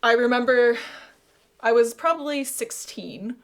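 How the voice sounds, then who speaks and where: A woman's voice: a little high, measured pace. A woman co-hosting a podcast, explaining things in a casual, chatty way. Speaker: podcast co-host and designer.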